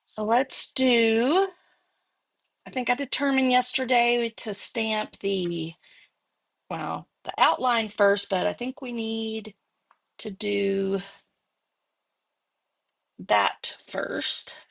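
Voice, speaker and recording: A woman's voice: on the high side, drawn-out words, vocal fry, pauses often, a bit bright, no room sound. A woman with a Texas accent hosting a casual card-making demo, chatting and thinking aloud as she works. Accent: Texan. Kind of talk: casual live crafting demo.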